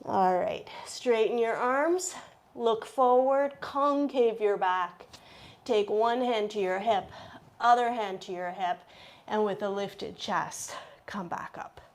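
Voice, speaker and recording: A woman's voice: mid-range voice, takes it slowly. A woman teaching a yoga class, cueing poses with short repeated commands and checking in with her students, at times out of breath. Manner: encouraging, checks in with "okay?". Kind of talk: live yoga class instruction.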